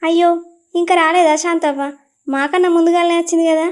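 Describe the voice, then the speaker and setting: A woman's voice: extremely high pitch, fairly even intonation, quick pace. A woman voicing a village field worker with a Telangana accent, explaining herself apologetically. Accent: Telangana Telugu. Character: village farm labourer woman.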